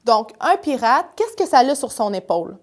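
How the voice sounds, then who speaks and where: A woman's voice: on the high side, big pitch swings, moderate pace, darkish tone. A woman leading an interactive picture-card storytelling session for children, coaxing them with questions.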